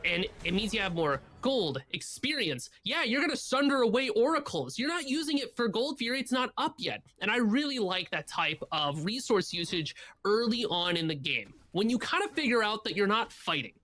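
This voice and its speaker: Color commentator, very lively pitch, bright tone, analytical, faint noise behind. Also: moderate pace, few pauses. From central United States. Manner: animated, analytical. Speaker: esports analyst.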